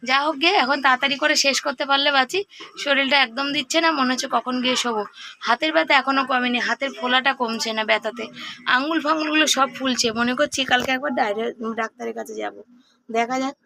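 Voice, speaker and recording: A middle-aged woman talks fast in a high, bright voice that is hoarse from a cold. She chats casually to her viewers as she cooks in her home kitchen. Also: slight background noise. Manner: chatty, talks to viewers while cooking. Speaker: vlogger. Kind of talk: casual cooking vlog chat.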